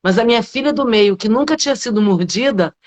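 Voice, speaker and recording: A woman's voice: a little high, animated, a little fast. A middle-aged woman with a Brazilian Portuguese accent, a public speaking coach explaining ideas as a guest in a live interview, posing rhetorical questions and adding frequent tag questions.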